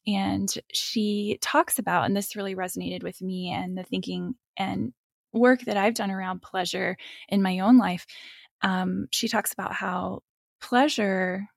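A woman guest talking through ideas in a thoughtful, unhurried way, with frequent fillers. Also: medium pitch, gravelly, no room sound, clean studio sound. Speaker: guest, spine and energy teacher. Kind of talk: reflective interview talk.

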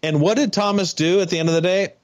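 A man's voice: sits high, fairly even intonation, fast. A man co-hosting a podcast, animatedly recapping a TV episode in casual chat, with frequent ums and restarts. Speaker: podcast co-host.

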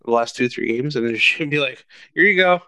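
A man's voice: mid-range voice, fairly even intonation, quick pace, bright, forceful tone. A man hosting a casual sports podcast, rambling and often cutting himself off mid-sentence. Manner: rambling, self-interrupting. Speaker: podcast host.

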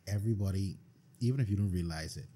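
A man's voice: sits low, quick pace, warm tone, a little hiss or hum. A Bahamian man, a podcast guest, talking bluntly and earnestly in a casual discussion, often repeating himself.

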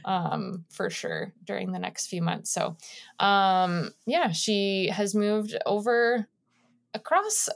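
Podcast co-host, female, 30s. Mid-range pitch, casual and talkative, loose rambling delivery. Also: animated, slow pace, vocal fry. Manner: chatty, rambling, informal. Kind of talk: casual chat, introducing a guest.

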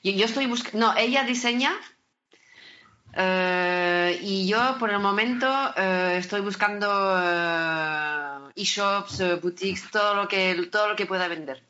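Female podcast guest, non-native, bright forceful voice, halting word searches, slightly dull recording. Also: medium pitch, slight background noise. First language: not Spanish. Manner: hesitant, searching for words in Spanish. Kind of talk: casual conversational interview.

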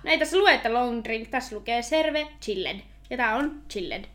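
A young woman with a high, bright-sitting voice chats loudly on a podcast. She giggles often and swears freely. Her talk is loose and tipsy. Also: animated. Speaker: podcast co-host. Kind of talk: casual tipsy chat.

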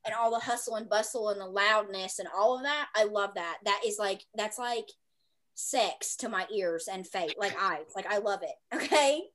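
A woman's voice: medium pitch, normal speed, a bit bright. A woman with a Southern US accent hosting a casual chat, talking emphatically and freely. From American South. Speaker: host.

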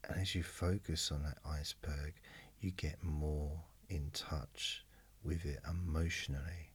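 A man leading guided hypnosis in a mesmerizing, hushed, breathy voice that often sinks toward a whisper, with long pauses. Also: steady tone. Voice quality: very deep, breathy, husky, often near whisper. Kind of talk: slow guided hypnosis narration.

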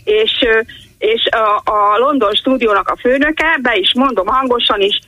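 Older female caller, retired teacher; tense, bright voice, dry sound, rambling digressive delivery. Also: on the high side, no echo, poor audio. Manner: rambling, digressive storytelling with many restarts. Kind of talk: call-in radio chat.

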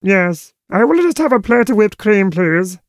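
Lady doing an evil genteel doctor, slow n measured, swingy theatrical pitch, audio comedy. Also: sing-song, no room sound, studio quality. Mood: composed. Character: secretive, genteel villainous doctor of evil schemes. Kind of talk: comic audio drama acting.

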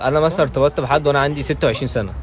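A man's voice: on the high side, racing, a crowd in the background. A 21-year-old man with an Egyptian Arabic accent, a guest in a casual podcast chat, earnestly talking through his views at length.

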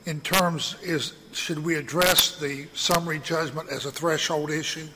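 A man presiding as a judge, speaking formally and haltingly as he questions counsel in court. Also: fairly high pitch, steady tone. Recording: echoey hall with faint noise.

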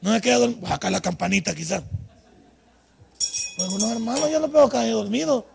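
An older man preaching a humorous, scolding sermon at a night vigil, with sudden loud outbursts. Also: sits high, brisk, big-room sound, noisy background. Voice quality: raspy, gravelly. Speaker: pastor.

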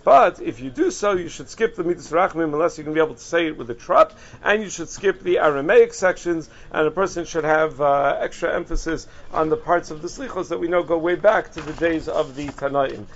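High-voiced man teaching casually. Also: fairly quick, few pauses, lo-fi sound. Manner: explains conversationally with frequent "uh" and restarts, mixing Hebrew terms. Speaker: rabbi giving a short halachic lesson. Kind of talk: casual Torah lesson podcast.

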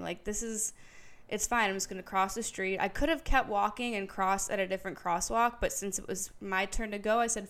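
A woman in her late twenties hosting a podcast, telling a story in casual chat, candid and profane, growing louder and more heated as she recounts it. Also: mid-range voice, smooth. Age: late 20s. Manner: candid and profane, retelling with emphatic repetition. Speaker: podcast host. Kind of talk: casual solo storytelling monologue.

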